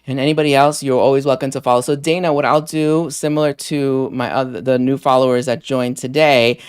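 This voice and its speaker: A man's voice: mid-range voice, fairly even intonation, a little fast, smooth, no echo, clean studio sound. A man hosting a live deals stream, chatting casually and rambling with many fillers while thanking viewers by name. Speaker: livestream deals host.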